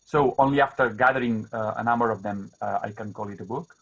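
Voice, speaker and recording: A man with a Catalan accent speaks halting, non-native English, searching for words and repeating himself as he talks informally about his writing. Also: lowish voice, vocal fry. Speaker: guest poet. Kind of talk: informal talk about own writing at an online book launch. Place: remote video call. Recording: dull, muffled video-call audio.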